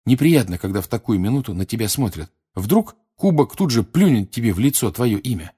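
A man voicing a thoughtful teenage boy wizard in a storybook reading, quiet and musing. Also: medium pitch, big pitch swings, fairly quick, slightly rough.

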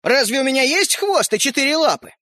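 A man voicing a tiny living toy boy, boastful and quick to bristle, in a storybook reading. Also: big pitch swings, bright, forceful tone, no room sound, clean studio sound, heavily acted. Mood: indignant. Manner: shrill, indignant, quick to bristle.

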